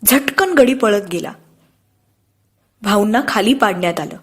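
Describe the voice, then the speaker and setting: A woman narrating an audiobook in a steady, expressive storytelling manner. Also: medium pitch, unhurried, slightly rough.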